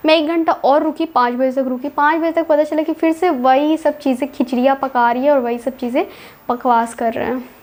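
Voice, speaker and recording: A woman's voice: high voice, steady tone, brisk, a little mellow. A young woman vlogger telling her own story in a casual, chatty way, dropping in English words and repeating herself.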